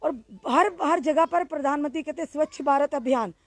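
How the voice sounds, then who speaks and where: Woman field reporter, high voice, dry close sound, earnest appeal to the audience. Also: a little fast, no echo. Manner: soothing with a crying child. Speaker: local news reporter.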